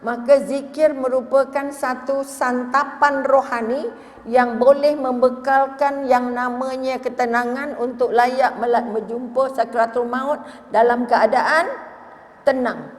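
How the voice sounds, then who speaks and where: A woman's voice: sits high, steady tone, a little slow. A middle-aged woman with a Malaysian Malay accent giving a religious lecture, telling stories, acting out voices and asking her listeners questions. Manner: storytelling, acts out quoted voices, asks the audience questions. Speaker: religious teacher. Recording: echoey hall with long reverb.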